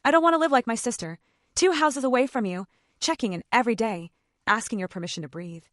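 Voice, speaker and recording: A woman's voice: a little high, fast, no echo, studio quality, natural voice. A woman voicing a grown son who speaks to his mother in a firm, direct way. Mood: resolute.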